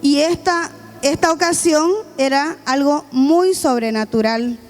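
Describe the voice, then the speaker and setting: A woman's voice: sits high, a little slow. A woman preaching a sermon, retelling a scripture story with acted-out quotes and calls to the congregation. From Bolivia. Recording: faint music behind.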